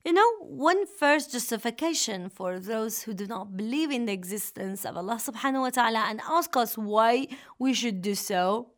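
A woman radio host speaks in a fairly high voice. She presents a religious talk formally, explaining as a teacher would. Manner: formal, didactic.

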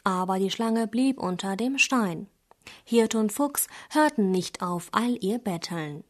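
Brief: woman storyteller, scripted narration of a fable, even and clear. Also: mid-range voice, slow.

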